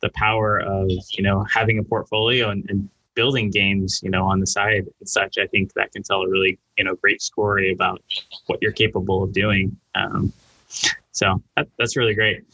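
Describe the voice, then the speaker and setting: A man's voice: on the low side, flat delivery, moderate pace, pushed and bright, slightly rough, no echo, highs cut off. A man in his thirties hosting a podcast, speaking casually with lots of "you know" and "like.". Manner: casual and chatty, uses many fillers like "you know" and "like". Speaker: podcast host. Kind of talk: podcast interview.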